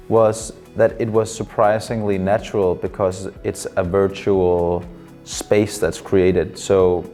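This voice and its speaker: Speaking English as a second language, a man from Denmark in his twenties, who studies psychology and works as a counselor, gives reflective interview answers broken by frequent fillers and pauses. His voice sits on the low side and sounds darkish.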